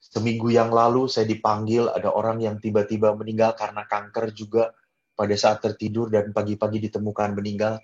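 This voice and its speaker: Expressive male priest preaching. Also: a little fast, lo-fi sound. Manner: expressive, wide swings in pitch and loudness; drops in English phrases. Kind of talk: sermon to a prayer group.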